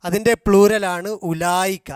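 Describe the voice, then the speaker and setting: A man teaching a language class, slowly repeating and drilling grammar forms, with a Malayali accent. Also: high-pitched, steady tone, clean tone, no room sound, clean studio sound. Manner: slow, drilling repetition of forms. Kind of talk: explaining grammar in a video class.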